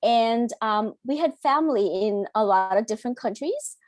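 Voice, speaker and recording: Woman in her 40s, fairly high voice, dry close mic, earnest chat with ums. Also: expressive, moderate pace, no room sound. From Canada. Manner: warm, earnest, with frequent "um" fillers. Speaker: teacher and podcast guest. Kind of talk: casual interview chat.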